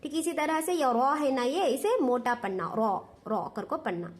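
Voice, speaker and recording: A woman's voice: high voice, sing-song, normal speed. A woman teaching Quran recitation rules with a Hyderabadi Urdu accent, explaining step by step, patient and repetitive, checking that her students understand.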